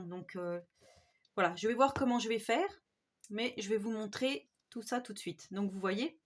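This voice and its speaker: A woman from Haute-Marne with a marked regional French accent, chatting hesitantly through a craft tutorial and often adding "hein". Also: fairly high pitch. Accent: Haute-Marne French with Swiss border touches. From Haute-Marne, France. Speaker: craft YouTuber. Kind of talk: casual DIY tutorial talk.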